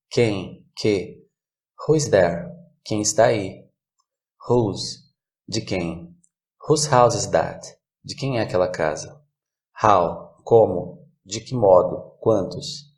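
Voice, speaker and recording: A man teaching a recorded language lesson, with slow, clear, measured delivery. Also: on the low side, darkish tone. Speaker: English teacher.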